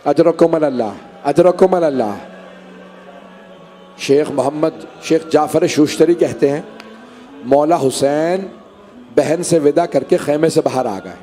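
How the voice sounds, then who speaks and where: A man with a Pakistani Urdu accent reciting a Muharram mourning sermon to a gathered congregation, with impassioned, drawn-out cries. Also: on the high side, mellow. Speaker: majlis reciter.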